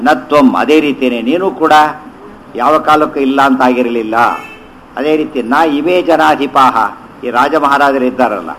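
A man teaching a scripture commentary, chanting verses slowly and then explaining them conversationally with rhetorical questions. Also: mid-range voice, fairly bright tone, slight background noise, rough recording.

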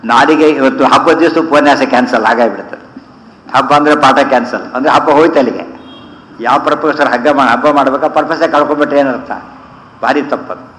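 A man delivers a devotional discourse at a mid pitch, unpacking each verse in turn and slowing down to chant old Sanskrit lines. His voice carries through an echoey hall with a long reverb tail. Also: steady tone, a bit bright, slight background noise. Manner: explains verses line by line, chanting Sanskrit slowly. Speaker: religious teacher.

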